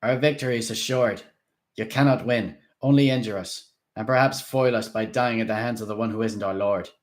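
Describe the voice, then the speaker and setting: A man voicing a calm, authoritative guard of a vampire lord who speaks in a formal, measured way. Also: on the low side, close to an everyday voice. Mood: commanding.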